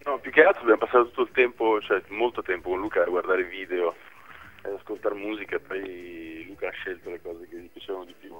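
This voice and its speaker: A man's voice: deep voice, steady tone, fast. A man calling in over the phone to a radio show, the album's producer, chatting casually and joking around. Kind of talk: casual chat. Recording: muffled phone line.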